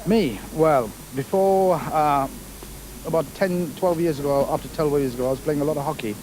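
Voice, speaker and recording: A middle-aged man from Kenya, a navy petty officer answering interview questions in an unhurried, hesitant way with many fillers. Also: fairly high pitch, background noise.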